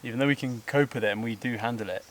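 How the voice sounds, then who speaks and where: Out of breath on a steep outdoor climb, a vlogger rattles off rapid-fire chatter to the camera, full of fillers and laughs. His mid-range voice has a fairly bright tone, set against slight background noise and the buzz of insects.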